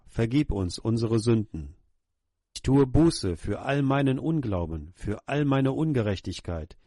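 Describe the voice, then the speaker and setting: A man's voice: mid-range voice, darkish tone, no room sound. Middle-aged male preacher, earnest pleading prayer, plain mid voice, dry close mic. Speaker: pastor. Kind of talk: sermon prayer.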